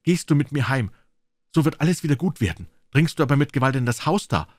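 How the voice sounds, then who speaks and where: A man's voice: a little high, very animated, fast, no echo, clean studio sound, voice pushed up. A man voicing a frightened young wife who pleads urgently with her husband in an audiobook reading. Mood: desperate pleading. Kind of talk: audiobook character voice.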